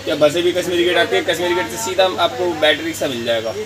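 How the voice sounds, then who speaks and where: A man, a shopkeeper briskly and matter-of-factly showing goods and quoting prices in a sales pitch. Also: a crowd in the background, poor audio. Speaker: wholesale bangle shopkeeper. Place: small indoor shop lined with shelves. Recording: clear ambient noise of a shop.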